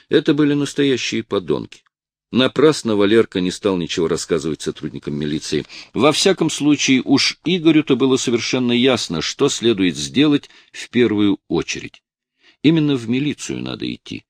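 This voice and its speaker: Low-voiced male audiobook narrator. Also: dry recording. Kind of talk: scripted narration.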